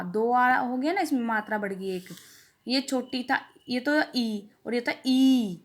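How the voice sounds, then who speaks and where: Teacher woman drilling vowel sounds. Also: on the high side. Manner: explains step by step, asks questions and answers them herself; draws out vowel sounds slowly and loudly when reciting them. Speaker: school teacher. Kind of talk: classroom grammar lesson.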